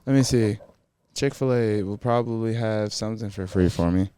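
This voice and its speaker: A man's voice: fairly low pitch, normal speed, mellow, smooth, no echo. A young man co-hosting a podcast, easygoing and profane in casual banter. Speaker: podcast co-host. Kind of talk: casual chat.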